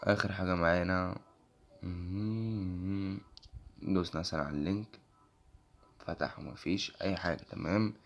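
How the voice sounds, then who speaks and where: A young man with an Egyptian accent and a worn, hoarse voice walks through an app on screen, quickly asking "okay?" after nearly every phrase. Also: low voice. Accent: Egyptian Arabic. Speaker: tech channel host. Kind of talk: casual screen-recording walkthrough.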